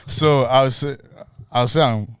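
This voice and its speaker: A young man from Burundi co-hosting a podcast, talking in a relaxed, rambling way with many fillers and restarts. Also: mid-range voice, slow. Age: young adult. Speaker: podcast co-host. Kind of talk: casual podcast chat.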